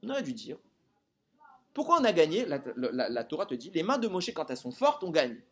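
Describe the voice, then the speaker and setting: A man's voice: on the high side, sing-song, fairly quick, slightly rough. A man teaching a Torah lesson to a group, keeping listeners engaged with frequent rhetorical questions.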